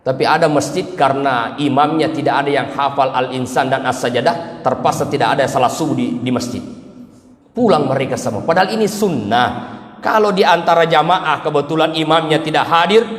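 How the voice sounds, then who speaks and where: Male preacher, fairly high voice, dawn sermon, acts out his stories, echoey mosque hall with long reverb. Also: a little fast. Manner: animated storytelling, acting out quoted voices.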